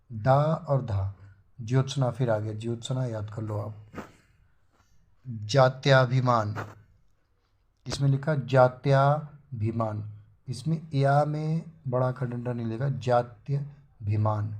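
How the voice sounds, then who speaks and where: A man runs a spelling lesson at a slow, deliberate pace. His pitch sits in an ordinary middle range. He says each word twice and sets the wrong form against the right one. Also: fairly even intonation, warm tone. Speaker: teacher. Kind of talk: exam-prep spelling lesson.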